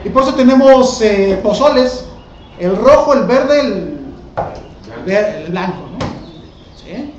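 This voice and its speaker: Male teacher, unhurried, colloquial lecture in an echoey room. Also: very high voice, animated, lo-fi sound, background noise. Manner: colloquial, asks the class rhetorical questions. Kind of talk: classroom lecture.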